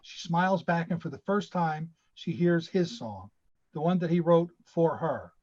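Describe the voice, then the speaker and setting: A man reading screenplay stage directions over a video call in a steady, matter-of-fact way. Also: a little high, normal speed, dull audio.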